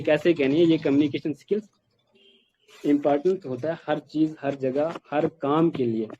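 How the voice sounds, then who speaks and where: A man's voice: fairly high pitch, darkish tone, dull audio. A man giving an informal spoken lesson on communication skills, talking conversationally with many fillers. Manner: conversational, repeats "ठीक" often, many fillers.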